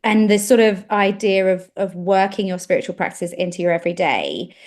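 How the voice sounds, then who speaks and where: A woman's voice: lowish voice, lively intonation, brisk, a little mellow. A woman co-hosting a podcast, chatting casually and earnestly with frequent fillers and restarts. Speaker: podcast co-host. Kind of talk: casual chat.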